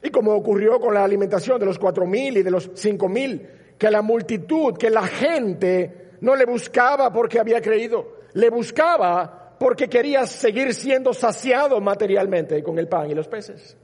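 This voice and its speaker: Pastor with a husky, ringing voice. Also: male voice, high-pitched, moderate pace, a little mellow. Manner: preaching with repetition and rising emphasis. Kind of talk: sermon. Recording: long hall reverb.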